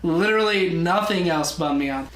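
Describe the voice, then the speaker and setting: A woman reviewer chatting casually on a panel, animated, blunt and informal. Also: on the low side, moderate pace. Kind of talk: casual group review chat. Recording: echoey room.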